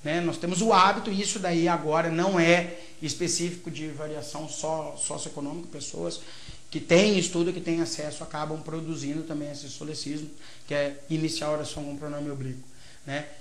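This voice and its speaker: A man's voice: fairly high pitch, level tone, fairly quick, a bit bright. A man from Brazil with a Brazilian Portuguese accent, a teacher giving a grammar lecture who explains step by step and keeps checking in with short tag questions. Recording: roomy echo.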